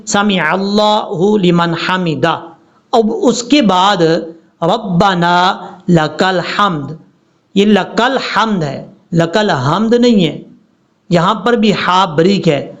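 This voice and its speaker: A man teaching a recitation lesson step by step, stretching out each word slowly to show the correct pronunciation. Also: sits high, muffled recording. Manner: slow drawn-out demonstration of each word. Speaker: religious teacher.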